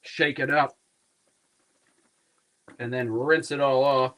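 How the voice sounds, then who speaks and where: A man's voice: mid-range voice, steady tone, slow, fairly bright tone. A man with a Pittsburgh accent hosting a casual live cooking demo from his home kitchen, rambling loosely and swearing offhand. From Pittsburgh area. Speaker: cooking livestream host.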